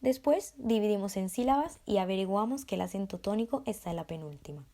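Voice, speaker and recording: A woman with a mellow, darker-toned voice at a middle pitch reads a scripted grammar lesson. She takes each rule and example calmly and carefully. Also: a little fast. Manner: calm, careful reading of rules and examples. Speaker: student presenter.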